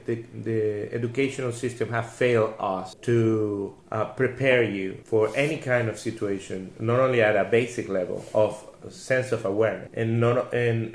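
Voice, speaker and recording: A man of middle pitch tells a story in easy conversation, bursting into lively voices for the people he quotes. He sounds like a member of a volunteer first aid squad. The room is echoey around him. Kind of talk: casual storytelling. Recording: roomy echo.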